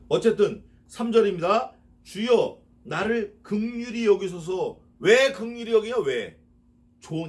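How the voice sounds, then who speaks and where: Male pastor, conversational sermon, slightly high voice, rhetorical questions to the pews. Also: a little mellow, distant mic. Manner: conversational preaching, reads scripture slowly and emphatically; asks the congregation rhetorical questions. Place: church sanctuary.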